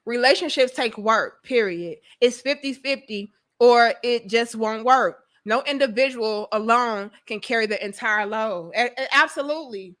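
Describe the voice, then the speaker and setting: Her voice sits on the high side and a bit bright, moving at a moderate pace with hardly any pauses. She's a young livestream host from St. Louis, Missouri, giving relationship takes to viewers in a blunt, informal way, repeating herself for emphasis and swearing casually.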